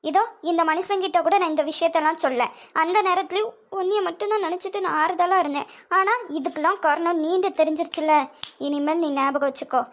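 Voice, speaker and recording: A woman's voice: very high-pitched, fast talker, fairly bright tone. A woman voicing a young woman betrayed by her lover in a cartoon, speaking with a Tamil accent, bitter and tearful. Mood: scornful. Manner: scornful, then sobbing and pleading. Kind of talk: cartoon dub acting.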